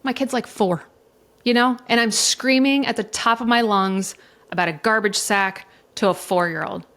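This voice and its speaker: A woman's voice: medium pitch, fairly even intonation, moderate pace, fairly bright tone. A middle-aged woman, a divorce coach, talking candidly and emotionally in a podcast interview, swearing freely as she goes. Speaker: divorce coach and mediator guest.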